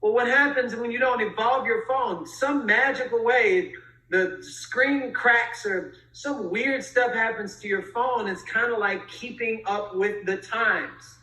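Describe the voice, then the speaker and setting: A woman's voice: on the high side, unhurried, bright, forceful tone, roomy sound, recorded from a distance, low-quality recording. A woman talking as an interview guest, giving an earnest, emphatic motivational talk that repeats phrases for weight. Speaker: guest speaker.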